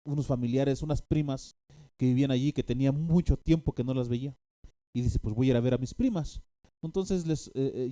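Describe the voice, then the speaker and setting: A man's voice: mid-range voice, warm tone, dry recording. A man preaching a sermon, telling a story with many restarts and fillers and bursts of animation.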